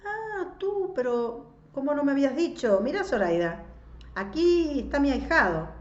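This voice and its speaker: A woman's voice: fairly low pitch, animated, normal speed, echoey room, dull audio, close to an everyday voice. A woman reading aloud, voicing an older landowner who is paternal and falsely jovial.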